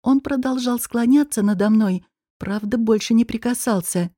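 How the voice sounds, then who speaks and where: A woman narrating a first-person audiobook in an even, measured way. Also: a little high, no room sound, studio quality.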